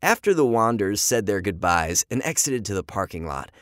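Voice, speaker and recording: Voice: deep voice, big pitch swings, normal speed, a bit bright, no room sound, studio quality. A storyteller reading a children's story aloud expressively, acting out sound effects. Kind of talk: storybook narration.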